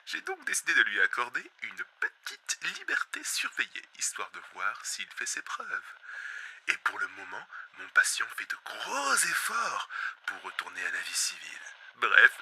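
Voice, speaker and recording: A man hosting a scripted comic radio monologue, theatrical and sarcastic, who lurches from hushed calm into screaming rage and back. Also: a little high, a little hiss or hum. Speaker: radio host.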